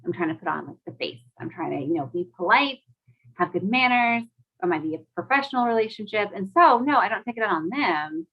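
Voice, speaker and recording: A woman's voice: medium pitch, expressive, a little fast, husky, highs cut off. A woman, a mother, talking casually to a live audience, chatty and full of "like"s, asking them questions. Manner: chatty, many "like"s, asks the audience questions, laughs often. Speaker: host of a live talk.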